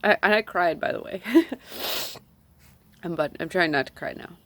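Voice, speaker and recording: A woman's voice: fairly low pitch, measured pace, fairly bright tone. Rambling woman vlogging from her van. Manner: rambling, filler-heavy retelling with many "like"s. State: smoking a cigarette while talking. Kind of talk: casual video journal storytelling. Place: sitting in a parked van at a gas station.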